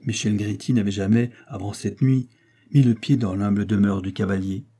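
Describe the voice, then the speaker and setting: A man narrating a classic novel in a measured, dramatic storytelling manner. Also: fairly low pitch, fairly even intonation, warm tone, slightly rough. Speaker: audiobook narrator. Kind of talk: literary audiobook narration.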